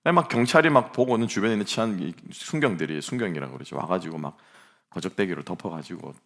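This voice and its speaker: A middle-aged male pastor preaches a sermon, retelling a vivid scene and turning to the congregation with rhetorical questions. His voice sits low with a gravelly edge. His pitch rises and falls in a lively way. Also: fast talker.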